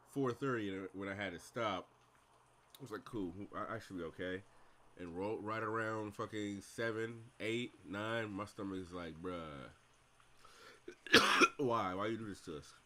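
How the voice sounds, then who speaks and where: A deep-voiced man talks loosely on a livestream, rambling between mouthfuls with content hums. His tone is bright and forward, with a faint hiss of noise underneath. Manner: relaxed, rambling, with humming pauses while eating. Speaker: livestream host. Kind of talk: casual chat while working.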